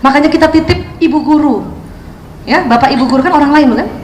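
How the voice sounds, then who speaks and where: A high-pitched woman speaks to a hall full of mothers. She is lively and chatty, and she acts out little scenes between mother and child. The room echoes, with faint ambience behind her. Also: fast talker, a little hiss or hum. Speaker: parenting speaker. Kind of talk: talk to an audience of mothers. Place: hall with an audience.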